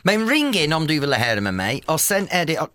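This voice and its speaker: Playful male radio host, lively pitch. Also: smooth, dry recording, clean studio sound. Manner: playful, chatty, self-mocking. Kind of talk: casual radio chat. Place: radio studio.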